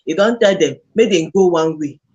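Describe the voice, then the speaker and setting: A man with a husky, slightly high-pitched voice and a Nigerian accent talks in casual Pidgin. He explains things like a storyteller, acting out his examples as he goes. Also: expressive, moderate pace, darkish tone, muffled recording.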